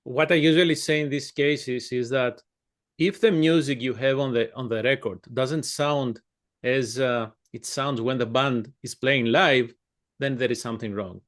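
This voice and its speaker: A man's voice: medium pitch, steady tone, unhurried. A man from Greece hosting an interview and asking friendly, enthusiastic questions. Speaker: interviewer, host. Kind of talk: casual interview.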